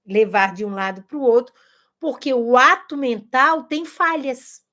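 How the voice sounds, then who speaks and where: Her voice sits high and comes across pushed and bright, delivered at a measured pace. This educator is teaching fellow teachers in an informal video, showing games to the camera and sounding out words, with the camera pointed at her.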